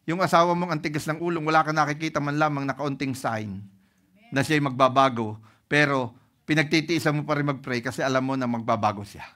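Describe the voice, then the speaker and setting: A man's voice: on the high side, a little fast. A man with a Filipino accent preaching a sermon as pastor, telling stories and often checking in with the congregation. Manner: lively storytelling with frequent "ano?" and "no?" checks to the congregation.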